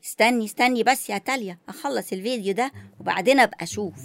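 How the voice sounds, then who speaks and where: An actress playing a suspicious, sharp-tongued elderly grandmother in a comedy sketch, speaking with an Egyptian accent. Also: fairly high pitch, racing, creaky, no room sound. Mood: grumbling. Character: fussy elderly grandmother new to phones.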